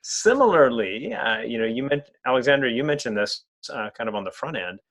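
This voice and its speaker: A man's voice: medium pitch, expressive, fairly quick, a bit bright. A man interviewing a guest in an online club meeting, who often repeats words while searching for phrasing.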